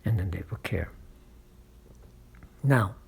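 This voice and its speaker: With a deep, creaky voice, a man speaks slowly yet animatedly, with slight background noise audible. He's a channel host and speaking coach delivering motivational public-speaking tips from experience, encouraging listeners and checking in with frequent "right?" and "okay?"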